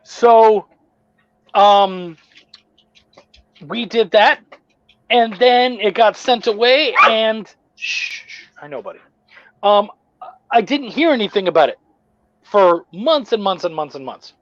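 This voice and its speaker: A man's voice: high-pitched, slow pace, pauses often. Profane, rambling man with dull audio. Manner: profane, rambling, animated retelling with restarts. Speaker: podcast guest, comic book writer. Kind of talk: casual storytelling chat.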